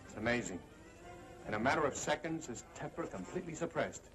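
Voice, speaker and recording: An actor playing an impatient, demanding conspirator in an old horror film, stern and probing. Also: male voice, mid-range voice, expressive, a little fast, over music, close to an everyday voice, poor audio. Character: impatient, demanding male conspirator plotting conquest. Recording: old film soundtrack, faint noise.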